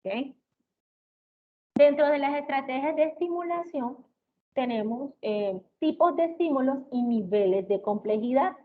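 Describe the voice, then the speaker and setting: A woman's voice: sits high, animated, unhurried. Woman lecturing over a tinny line. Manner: checks in with listeners with "¿ok?" and "¿sí?", many "eh" fillers. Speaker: lecturer in auditory-verbal therapy. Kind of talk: explanatory lecture. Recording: tinny, phone-like with faint hiss.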